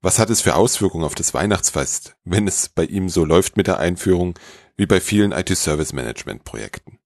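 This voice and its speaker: A man hosting a podcast and reading a story in a calm, measured way. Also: deep voice, creaky, no room sound, studio quality. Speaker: podcast host and narrator. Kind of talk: storybook narration.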